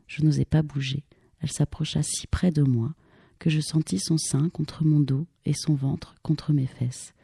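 A woman reading a novel aloud in calm, first-person scripted narration. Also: sits low, creaky, slightly rough, dry recording, studio quality. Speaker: audiobook reader.

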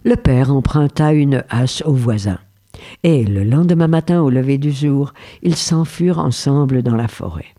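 A man narrating a fairy tale in a calm, measured storytelling manner. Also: medium pitch.

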